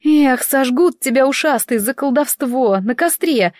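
A woman voicing a sharp-tongued former elf woman who mocks and gloats. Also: on the high side, animated, a little slow, no echo, clean studio sound, voice pushed up. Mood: gloating. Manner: mocking, gloating.

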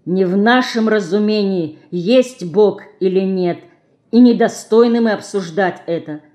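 Woman doing a slow, sorrowful pious peasant woman. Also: medium pitch, dark tone, close to an everyday voice. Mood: stern. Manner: slow, mournful, stern.

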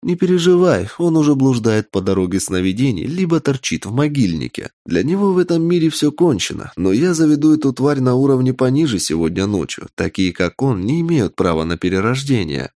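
Мужчина в роли властной коварной ведьмы. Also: male voice, mid-range voice, big pitch swings, brisk, few pauses, mellow, no room sound, studio quality, voice pushed up. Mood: commanding. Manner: cold, commanding, menacing. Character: imperious ambitious adult witch woman.

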